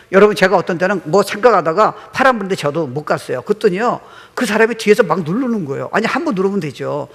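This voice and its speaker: Lively pastor preaching in a reverberant church. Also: male voice, high-pitched, slightly rough. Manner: animated storytelling, mixing English words. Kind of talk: sermon. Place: church sanctuary. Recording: long hall reverb.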